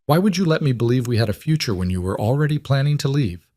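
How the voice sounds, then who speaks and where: A man voicing a betrayed single father in a quarrel, hollow and bitter, his voice turning sharp and accusing. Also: medium pitch, animated, fast, pitched above the performer's own voice, lightly acted. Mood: angry.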